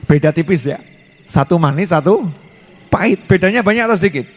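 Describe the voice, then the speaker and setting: High-voiced preacher, reverberant hall. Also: male voice, lively intonation, a little fast. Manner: playful, asks the audience questions, slips into dialect words. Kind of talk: informal sermon to a women's gathering.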